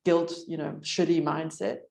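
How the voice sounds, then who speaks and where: A woman with a low, mellow voice coaches a client in an encouraging, direct way. Her delivery is measured and unhurried, and a slight tremble from the cold runs through it. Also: steady tone, vocal fry. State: voice shaking from cold. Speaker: recovery coach. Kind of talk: coaching call.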